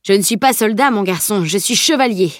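A woman's voice: mid-range voice, expressive, brisk, no room sound, clean studio sound, pitched above the performer's own voice, close to an everyday voice. A woman doing a boastful swaggering knight. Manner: loud and boasting. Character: boastful blond adult male knight, proud and hot-headed.

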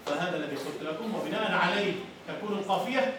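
A man's voice: high voice, quick pace, background noise. A man with an Egyptian accent giving a university lecture on Arabic prosody, quizzing his students and repeating their answers. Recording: echoey lecture hall, far from the mic.

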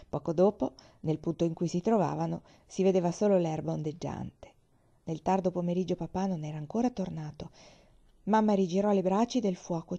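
A woman reading a novel aloud in a calm, expressive storytelling manner, on a slightly dull recording. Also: lowish voice, creaky. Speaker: reader.

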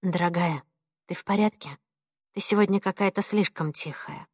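A woman reading an audiobook, voicing a mild, conciliatory mother who speaks softly and placatingly. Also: lowish voice, lively intonation, normal speed, dry recording, clean studio sound. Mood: gentle. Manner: soft, placating, pleading.

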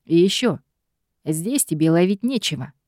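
A woman voicing a domineering male demon boss who speaks in a calm, lazy, mocking way. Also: on the low side, moderate pace, no echo, studio quality, natural voice. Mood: smug.

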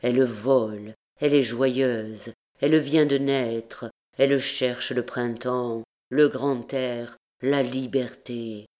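A woman voicing a haunted male archdeacon who speaks in a dark, intense, fatalistic way, in an audiobook. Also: extremely low pitch, steady tone, takes it slowly. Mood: brooding.

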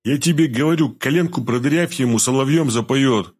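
A man voicing a brutal male security thug who issues flat, blunt threats in a low, controlled voice. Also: brisk, breathy edge, natural voice. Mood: callous.

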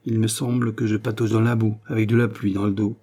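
A man voicing a lively, carefree young poet who talks with enthusiasm. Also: fairly low pitch, fairly quick, natural voice. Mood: enthusiastic. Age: young adult. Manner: enthusiastic, raised voice.

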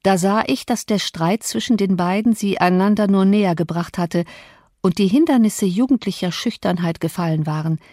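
A woman narrating an audiobook in a measured, expressive way, recorded close to the mic. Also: mid-range voice, no room sound. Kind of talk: scripted narration.

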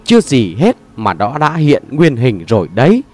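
A blunt middle-aged mother lectures and scolds without pause, as a male narrator plays her. Her voice swings widely as she nags in this storybook telling. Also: medium pitch, wildly swooping pitch, darkish tone, no room sound. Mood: scolding.

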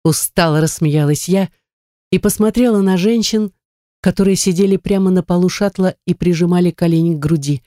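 A woman reading a first-person audiobook, lively and dramatic, rising into shouts at tense moments. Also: lowish voice, a little fast, no echo, clean studio sound. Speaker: audiobook narrator.

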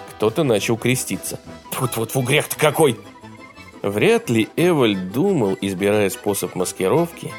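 Expressive male audiobook narrator. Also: on the low side. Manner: expressive, dramatic reading.

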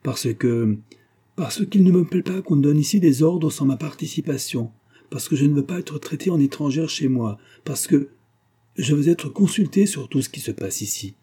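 A man voicing a proud, quick-tempered young society wife in an audiobook, with a sharp, imperious delivery. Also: mid-range voice, breathy edge, natural voice. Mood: indignant.

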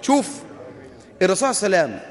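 Brief: impassioned Egyptian preacher, man, very high voice, long echo of a hall. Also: sing-song, very fast. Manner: impassioned, rising to shouts, rhetorical questions. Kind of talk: sermon.

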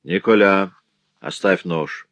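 A man voicing a grim older widow and mother who speaks slowly and coldly. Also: sits low, fairly bright tone, no echo, muffled recording. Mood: stern. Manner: slow, cold, commanding.

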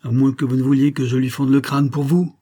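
A man voicing a sick, exhausted and vengeful male vagabond who speaks gruffly and bitterly. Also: mid-range voice, level tone, a little fast, mellow, pitched above the performer's own voice, natural voice. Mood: furious.

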